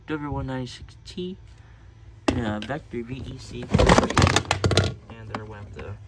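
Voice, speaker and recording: An American radio collector presents his collection indoors at home in casual, unscripted show-and-tell, rambling, hesitating, and often correcting himself. His mid-range voice is a little slow and competes with loud music.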